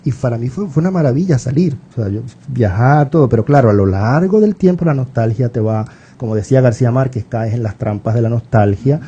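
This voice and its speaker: A man's voice: medium pitch, expressive, fairly quick, few pauses, mellow, slightly rough, highs cut off. A middle-aged man with a Puerto Rican accent, a writer and professor chatting as a radio guest, reminiscing with fillers and restarts. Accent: Puerto Rican Spanish. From Puerto Rico. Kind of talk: casual radio interview.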